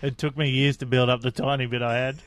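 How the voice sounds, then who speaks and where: A man's voice: mid-range voice, flat delivery, fast talker. A man co-hosting a casual radio show, joking in a dry, self-deprecating way. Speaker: radio co-host. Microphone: studio microphone.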